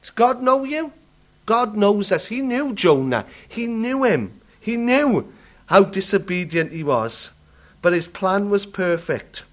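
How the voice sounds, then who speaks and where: Slow-paced male preacher, repeats himself, leans on rhetorical questions. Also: sits high, sing-song, a bit bright. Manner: restarts and stumbles over words. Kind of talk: sermon.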